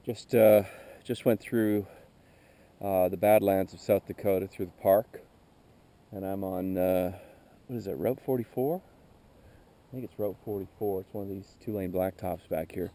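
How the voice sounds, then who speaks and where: A man's voice: deep voice, fairly even intonation, unhurried, dark tone. A middle-aged man on a motorcycle trip, talking candidly and wearily to his camera outdoors by a rural road, often stopping to correct himself. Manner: candid, weary, circling back to correct himself. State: emotionally worn out. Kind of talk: rambling roadside monologue to camera. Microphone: camera mic.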